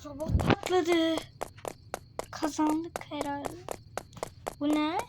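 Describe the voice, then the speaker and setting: Excitable high-voiced woman gaming. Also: slow pace, over loud music. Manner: excitable, keeps exclaiming and asking questions aloud; talks straight to her viewers. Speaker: gaming video creator. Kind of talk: casual gameplay commentary to viewers.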